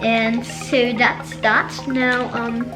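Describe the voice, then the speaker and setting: A woman's voice: fairly high pitch, little pitch movement, extremely slow. A woman casually talking through a makeup tutorial, chatty, with lots of fillers and self-corrections. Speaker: makeup vlogger. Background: background music.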